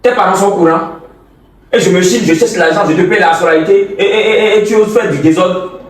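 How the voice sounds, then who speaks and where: A man's voice: high voice, fairly quick, lightly acted. A man playing a stern scolding older brother. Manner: scolding, repetitive stammer. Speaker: actor in a web skit. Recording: echoey room, far from the mic.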